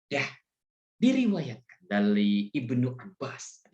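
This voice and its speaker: A man teaching a religious story lesson to children, speaking slowly and animatedly and asking them questions. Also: medium pitch, huge pitch swings, darkish tone. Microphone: video call. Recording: echoey, dull video call audio.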